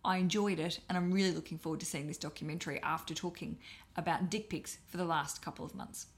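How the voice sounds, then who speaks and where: A woman's voice: on the low side, steady tone, fast. A woman in her thirties co-hosting a podcast in casual chat; she laughs easily and swears casually. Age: 30s. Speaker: podcast co-host.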